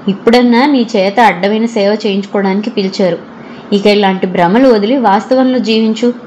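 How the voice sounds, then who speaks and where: A dignified, stern older woman, as a female narrator reads her, scolding with firm, measured authority. Her voice sits at an ordinary pitch, read over faint noise for a spoken story. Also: a little mellow, close to an everyday voice, rough recording.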